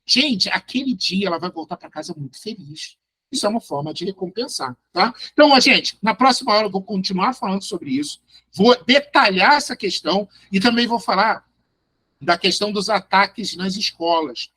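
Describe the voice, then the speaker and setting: A psychologist with a Brazilian Portuguese accent gives a live online lecture in a high, husky, bright voice. He speaks at normal speed but sounds animated and forceful, addressing listeners directly and emphatically while tagging sentences with a questioning "right?".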